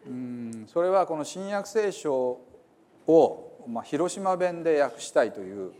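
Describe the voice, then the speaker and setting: A middle-aged pastor from Hiroshima, speaking with a Hiroshima Japanese accent, opens a sermon in a chatty, self-deprecating way full of fillers. His voice is a little high, animated, slow, and dark in tone.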